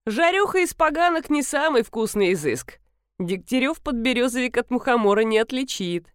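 A woman's voice: fairly high pitch, lively intonation, normal speed, smooth, no echo, lightly acted. A woman voicing a sardonic young man who makes dry, mocking asides.

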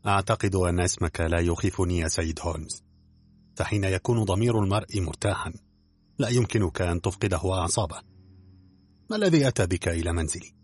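A smooth-talking bald swindler, fawning one moment and cool the next, as a man reads him in an audiobook. The voice is low and husky and rattles along quickly. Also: animated, darkish tone. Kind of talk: audiobook character reading.

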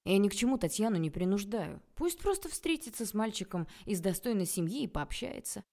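A woman voicing a stern, bossy middle-aged father who talks in an irritated, gruff way, in an audiobook. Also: medium pitch, sing-song, fairly quick, dark tone.

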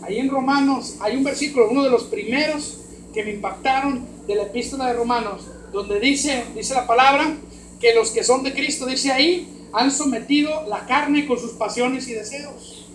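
A man's voice: extremely high pitch, normal speed. Mexican male pastor, emphatic sermon, roomy hall with faint hiss. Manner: swings from hushed to loud, emphatic preaching. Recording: roomy hall echo, faint background noise.

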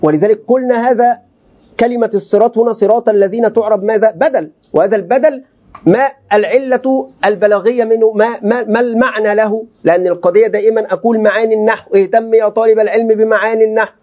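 A sheikh teaching a class with a high, quick voice, firing questions at his students and answering them himself. The recording sounds dull and lo-fi. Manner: animated, questioning students rhetorically. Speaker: sheikh teaching Quranic commentary. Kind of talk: classroom lecture.

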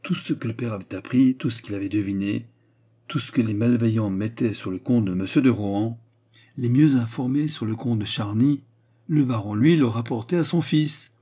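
Audiobook narrator, male, husky and mellow, steady delivery. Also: mid-range voice, moderate pace. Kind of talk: scripted narration.

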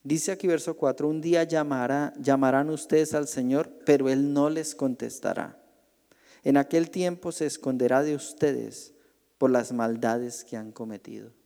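A man's voice: mid-range voice, fairly even intonation, normal speed, gravelly, warm tone, in a large hall. A male pastor teaching a Bible class in a conversational way, asking the group questions and acting out the voices he quotes.

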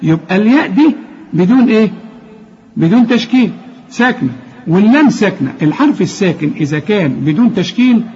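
Brief: Egyptian man, recitation teacher, high and slightly husky, asks quick questions then stretches words slowly, dull lo-fi tape. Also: lively intonation, a little mellow. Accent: Egyptian Arabic. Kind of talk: tajweed lesson, explaining and demonstrating recitation.

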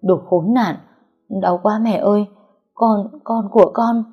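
A woman voicing a spoiled, shrill young pregnant sister-in-law in an audio story. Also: a little fast, muffled recording, faint music behind, lightly acted. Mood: anguished. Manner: shrill and whiny.

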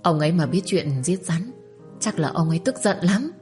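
A woman's voice: on the low side, expressive, moderate pace, a little mellow, faint music behind, natural voice. Woman narrator voicing a harsh domineering old mistress. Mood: placating. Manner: threatening, commanding.

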